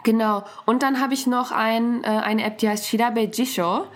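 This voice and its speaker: A woman's voice: on the high side, fairly even intonation, moderate pace. A young woman hosting a casual podcast chat, talking loosely with lots of fillers and dropping Japanese and English words in. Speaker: podcast host.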